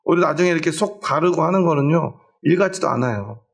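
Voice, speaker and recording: A man's voice: on the high side, lively intonation, fast talker, gravelly. A middle-aged male pastor preaching a sermon, asking the congregation questions and answering them himself, with homely everyday stories. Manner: tells homely everyday stories to make his point. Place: church.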